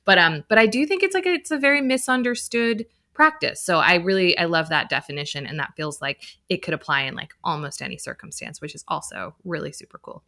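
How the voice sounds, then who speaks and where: A woman's voice: fairly low pitch, expressive, brisk, hardly any pauses, bright, forceful tone. A woman co-hosting a podcast who works as a coach, upbeat and enthusiastic in conversation. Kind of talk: podcast interview.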